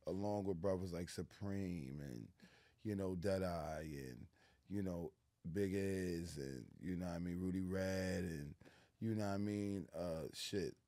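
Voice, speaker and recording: A middle-aged New York man talks in a laid-back street manner, leaning on fillers. His voice sits very low with a dark, mellow tone. The sound is dry and close, from a studio boom mic. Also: unhurried, no room sound. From New York City. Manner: laid-back street talk with many "you know what I'm saying" fillers. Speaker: guest. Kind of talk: casual interview. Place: small studio lounge with plants, indoors. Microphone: studio mic on a boom arm.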